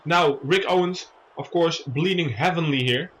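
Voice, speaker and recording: A man's voice: fairly high pitch, moderate pace, fairly bright tone, low-quality recording. A man giving play-by-play as a wrestling commentator, calling moves and counts with exclamations. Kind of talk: play-by-play wrestling commentary over a video game match.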